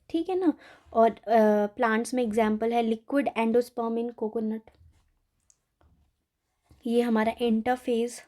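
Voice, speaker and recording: A woman biology teacher giving an exam-prep lecture, explaining in Hindi, reading English textbook lines slowly and often checking in with listeners. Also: fairly high pitch, warm tone. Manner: checks in often with "theek hai".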